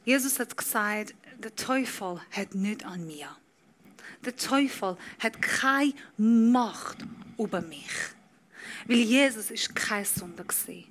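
A woman preaching a sermon with passion, speaking German with non-native grammar and building from quiet to loud. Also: mid-range voice, animated, slow.

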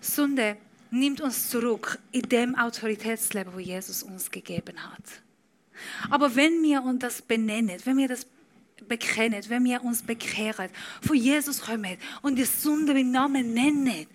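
A woman preaching a sermon with passion, speaking German with non-native grammar and building from quiet to loud. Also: fairly high pitch, moderate pace.

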